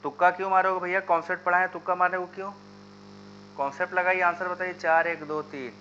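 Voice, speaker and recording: A man runs a live chemistry class, slipping into his talk and pushing students to answer in the comments. His voice is bright and a little high. The recording is dull and lo-fi, with a faint hum underneath. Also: little pitch movement, fast. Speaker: chemistry teacher. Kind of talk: live online chemistry lesson.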